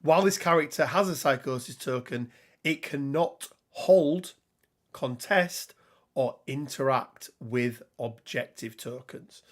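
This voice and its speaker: A man's voice: medium pitch, slow. A man hosting a casual tabletop game talk, rambling and laughing as he reads card text, his voice a little worn. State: slightly losing his voice. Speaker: podcast host.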